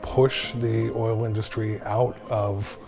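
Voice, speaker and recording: A man speaks in a documentary interview, recalling events slowly and deliberately in a mid-range voice. Music plays clearly beneath him. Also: fairly low pitch, flat delivery.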